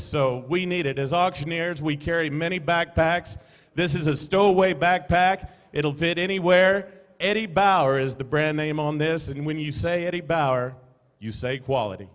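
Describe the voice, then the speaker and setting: High-voiced man calling auction bids. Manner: rapid rhythmic bid-calling chant. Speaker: auctioneer contestant. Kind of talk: auction chant and announcing. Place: large event hall. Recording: long hall reverb.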